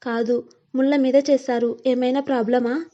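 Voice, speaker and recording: A young bride-to-be, tender with her family and sharp in her comebacks, played by a woman narrator. Her voice is high and mellow, told as a storybook. The sound is somewhat dull and lo-fi. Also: level tone, natural voice. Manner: quick retorts.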